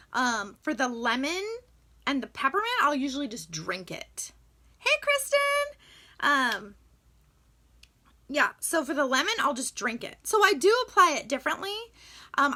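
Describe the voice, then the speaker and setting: Upbeat young female vlogger, bright sharp tone, enthusiastic casual delivery. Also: high voice. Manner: chatty, enthusiastic, lots of fillers. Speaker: vlogger sharing essential oil tips. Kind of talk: casual chat to camera.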